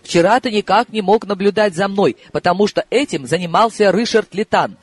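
A man's voice: high-pitched, fairly quick, faint music behind, voice pushed up. A male audiobook reader voicing an impatient, headstrong woman in love who speaks insistently. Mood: exasperated. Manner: insistent, exclamatory. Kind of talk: audiobook character voice.

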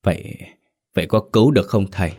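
A man's voice: low-pitched, expressive, moderate pace. A man voicing a nervous old male fish farmer who stammers and pleads in a ghost story. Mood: frightened.

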